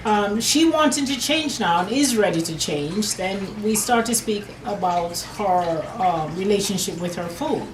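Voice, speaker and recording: This Jamaican woman, an herbalist with a nutrition business, responds to interview questions with earnest restarts and frequent use of "per se." Her mid-range voice is animated yet a little slow, with few pauses, captured in a reverberant space with background noise.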